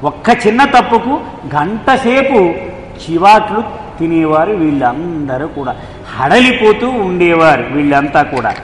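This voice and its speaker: A man telling devotional stories in an animated, lively way as a spiritual storyteller, recorded in an echoey hall. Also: fairly high pitch, unhurried, slight background noise. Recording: echoey hall with long reverb, faint ambience.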